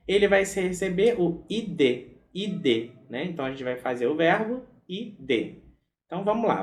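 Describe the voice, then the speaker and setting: Male language teacher, lively rising-falling delivery, somewhat high voice, explains patiently and drags out example words; recorded in a reverberant room. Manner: slows down to model pronunciation slowly and carefully; frequent tag question "né?". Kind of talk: explanatory lesson.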